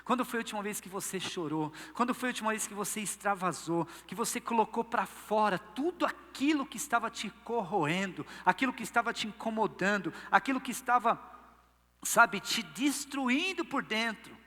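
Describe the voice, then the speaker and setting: A man's voice: high-pitched, lively intonation, normal speed, pushed and bright, in a large hall. A male pastor with a Brazilian Portuguese accent preaching a sermon, telling stories playfully and acting out quotes. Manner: playful storytelling, acts out quotes. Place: church service.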